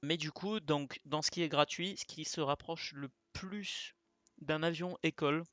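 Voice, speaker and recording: A man's voice: on the high side, a little slow, a bit bright, no room sound. A young man talking casually through a tutorial as he shows the screen, chatty, with many fillers and asides. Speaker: flight sim streamer.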